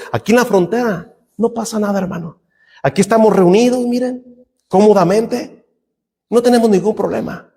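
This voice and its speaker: A man's voice: high voice, darkish tone, in a large hall. A middle-aged Mexican man preaching a fervent sermon in a Mexican Spanish accent, calling out to the brethren every few words. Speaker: pastor.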